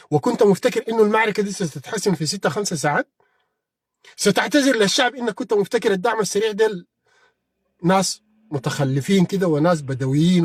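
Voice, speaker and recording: A man's voice: high-pitched, breathy edge, no room sound, clean studio sound. A man with a Sudanese Arabic accent giving a heated political monologue, combative and mocking, speaking straight at his opponent. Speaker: political commentator on a live stream.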